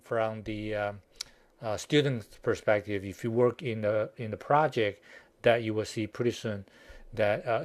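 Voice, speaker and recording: A man teaching a recorded university lecture, speaking haltingly with many fillers and restarts and a Chinese accent. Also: lowish voice, darkish tone. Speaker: university professor.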